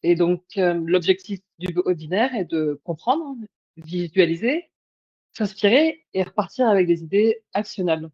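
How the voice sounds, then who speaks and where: A woman's voice: lowish voice, animated, moderate pace, darkish tone, dry recording. A woman presenting a webinar over a video call, hesitant, with many fillers and restarts. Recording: dull lo-fi call audio.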